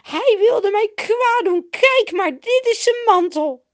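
A shrill, wailing scheming wife. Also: female voice, expressive, takes it slowly, heavily acted. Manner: shrill wailing cries, mock tearful. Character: scheming wife of a master, adult woman, spiteful.

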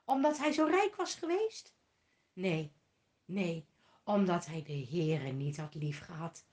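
A woman's voice: fairly low pitch, expressive, slow, a little mellow. A woman telling a Bible story to children, emphatic, asking questions and answering them herself.

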